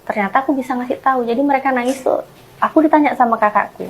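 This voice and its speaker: A woman being interviewed, earnestly retelling a personal story in casual chat, often trailing off softly at the ends of phrases. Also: high voice, quick pace, slight background noise, low-quality recording. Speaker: guest sharing her conversion story.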